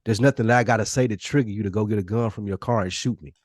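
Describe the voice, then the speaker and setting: Man, podcast co-host, plain pitch, blunt and emphatic, casual swearing, very dry close sound. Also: racing, dry recording.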